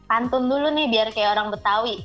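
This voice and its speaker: A woman's voice: a little high, fast talker, fairly bright tone, dull audio, faint music behind. A young woman with a Jakarta accent co-hosts in casual banter, full of Jakarta slang and exclamations. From Indonesia. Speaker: co-host. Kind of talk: casual radio-style banter.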